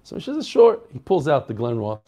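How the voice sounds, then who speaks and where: A man giving a casual daily Talmud class, joking and animated, often restarting and correcting himself, with Hebrew and Yiddish terms mixed in. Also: mid-range voice, brisk. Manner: frequent restarts and self-corrections. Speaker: Talmud teacher.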